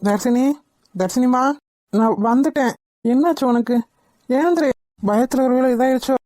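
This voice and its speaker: A woman's voice: sits high, normal speed, dark tone, dry recording. A woman voicing a cartoon, speaking with dramatic, emotional delivery. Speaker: narrator and voice of all figures. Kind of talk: cartoon voice acting.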